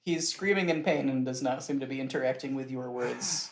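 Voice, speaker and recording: A young man narrates a tabletop game as its game master. He describes the action in a relaxed, easygoing way and laughs often. His voice is mid-pitched, and the room around him sounds roomy and echoey. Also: brisk, creaky, a little hiss or hum.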